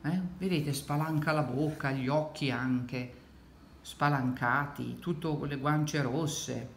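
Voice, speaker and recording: A woman's voice: low-pitched, steady tone, takes it slowly, echoey room, a little hiss or hum. A woman reading a picture book aloud to children, chatting with them and pointing at the pictures. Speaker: storybook reader.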